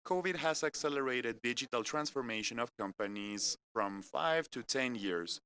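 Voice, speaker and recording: A Frenchman with a French accent, speaking English, gives a live-streamed business presentation as corporate keynote speaker in a company innovation center studio. Measured and earnest, he works through an agenda point by point, his mid-range voice animated, pushed, and bright.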